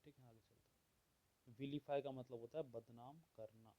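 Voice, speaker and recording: A man teaching vocabulary, explaining words and listing their opposites at a steady pace, often checking in with "theek hai". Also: medium pitch, poor audio. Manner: slow and measured, repeats "theek hai" often. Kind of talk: explaining word meanings.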